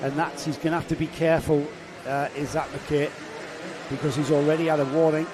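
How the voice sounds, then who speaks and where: A man's voice: on the high side, little pitch movement, brisk, noisy background. A man commentating live on a kart race, explaining the racing and teasing his co-host. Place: outdoor kart track commentary point.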